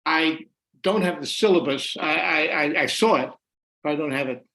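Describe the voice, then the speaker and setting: Speaking at a moderate pace in a slightly high, sharp voice, an older author and ex-journalist gives a video-call interview from his home. His answers are considered, though he often restarts and repeats words.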